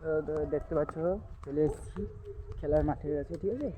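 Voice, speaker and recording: A young man, slightly hoarse, chatting casually to viewers in a daily vlog and often asking if they are following. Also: on the high side, animated, brisk, heavy background noise. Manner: chatty, keeps asking "ঠিক আছে?". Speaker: vlogger. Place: outdoors in a village, fields and lanes. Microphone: handheld phone.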